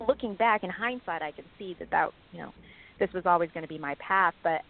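A woman's voice: lowish voice, fairly quick, gravelly. Laughing chatty woman from africa, tinny phone sound. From South Africa. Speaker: actress guest. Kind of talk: casual interview. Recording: dry tinny phone line.

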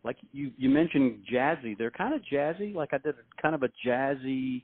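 A man's voice: medium pitch, expressive, moderate pace. A man talking casually as a musician guest in an interview, with a folksy, self-deprecating manner. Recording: thin, phone-like line.

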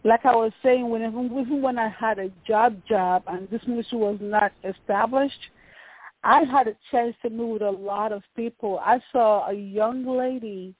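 Over a muffled phone line, a ministry founder from Nigeria speaks with a Nigerian accent in casual interview talk, earnestly describing her work and repeating words while hunting for them. Her voice sits on the high side at a moderate pace, and the recording is dry.

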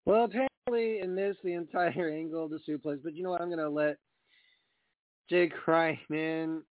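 A man hosts a casual radio talk show in a slightly high voice. He rambles informally and uses plenty of slang. The sound is dry and narrow, like a phone call. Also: steady tone, moderate pace, no echo. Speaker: wrestling radio show host. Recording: thin phone-like line.

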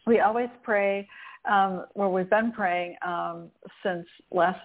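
A woman hosting a prayer line, speaking spontaneously in a halting, searching way with repeated invocations. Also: medium pitch, steady tone. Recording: narrow, tinny phone line.

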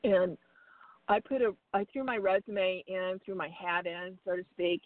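Calling in hands-free from her moving car, a woman chats casually in a lowish voice at a slightly slow pace. She is chatty and apologetic and laughs often, and the line has the tinny sound of a car speakerphone.

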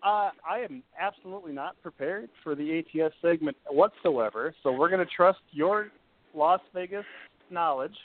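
A male sports talk host with a slightly high voice chats loosely and casually. The sound is dry and narrow, like a phone connection. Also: moderate pace, no echo. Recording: tinny, phone-like internet radio.

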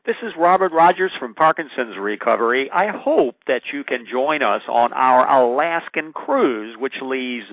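A man's voice: medium pitch, animated, a little slow, few pauses, dry recording. A man hosting an interview show, announcing a break and what comes next, through a narrow phone-like connection. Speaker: radio show host. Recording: tinny, narrow phone-like sound.

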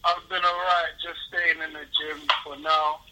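A man's voice: a little high, flat delivery, measured pace, crowd noise, poor audio. A young man calling in over the phone, a boxer chatting casually and repeating his phrases.

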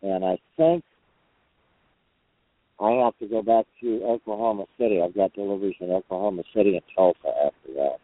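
Low-voiced man hosting over a tinny line. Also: fairly quick, no room sound. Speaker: host of a truckers' talk show. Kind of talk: casual call-in talk show chat. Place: parked truck cab with windows open. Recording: narrow, tinny phone or radio line.

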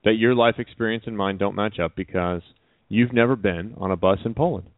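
A man co-hosting a radio talk show, chatting casually with a wry, deadpan humor. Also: lowish voice, brisk, no room sound. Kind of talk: casual chat. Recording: dry, phone-like narrow sound.

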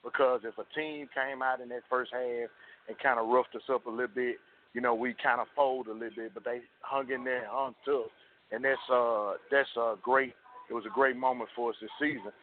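A man calling in to a radio show on a cell phone, speaking earnestly and in a measured way about his team. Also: mid-range voice, fairly even intonation. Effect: heard over a cell phone line. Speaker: radio call-in caller. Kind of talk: earnest sports fan commentary. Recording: tinny cell phone line with faint hiss.

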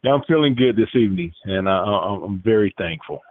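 A man from Alabama, calling in to a sports radio show over a landline phone, talking in a halting way and repeating words as he looks for the next one. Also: on the low side, animated, dry recording. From Alabama, US South. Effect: heard over a landline phone. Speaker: caller. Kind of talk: sports radio call-in chat. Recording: tinny dry phone line.

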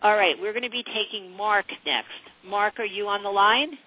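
A woman's voice: medium pitch, moderate pace, husky. A woman hosting a call-in advice radio show, conversational and reflective, repeating phrases, with narrow phone-like sound. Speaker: psychic advice radio host.

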